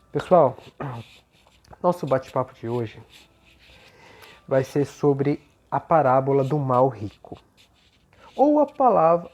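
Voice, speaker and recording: A Brazilian speaker with a mid-range voice leads an unhurried prayer and informal religious talk that includes scripture reading, explaining things gently in short phrases. The voice sounds slightly off because the speaker is recovering from flu. The audio is dull and lo-fi.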